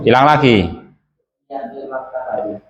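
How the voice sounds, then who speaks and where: A man's voice: mid-range voice, a little slow, a little hiss or hum. A man teaching an Arabic class, patiently correcting how his students pronounce and read their lines. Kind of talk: classroom reading drill and correction. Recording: echoey, dull lo-fi classroom recording.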